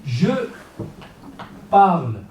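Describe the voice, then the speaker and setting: Lively-pitched man teaching French. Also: muffled recording. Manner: repeats phrases slowly, switches between French and Persian. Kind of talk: informal language lesson. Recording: roomy, distant mic with faint noise.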